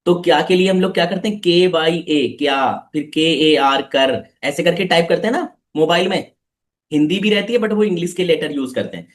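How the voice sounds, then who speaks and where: A man's voice: fairly high pitch, moderate pace. A man teaching a live online class for children, coaxing them with repeated questions.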